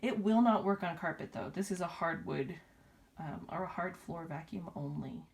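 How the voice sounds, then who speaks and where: A woman's voice: fairly low pitch, normal speed, gravelly, darkish tone, a little hiss or hum. A woman in her thirties from the United States, chatting casually in a home vlog with frequent ums and laughs, a little winded. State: a little out of breath. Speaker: vlogger. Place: home room.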